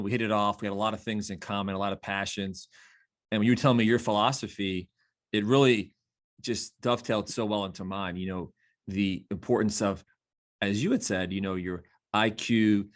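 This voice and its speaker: A man in his fifties with a New Jersey accent, a physician guest talking eagerly in a casual interview and fond of rhyming catchphrases. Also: lowish voice.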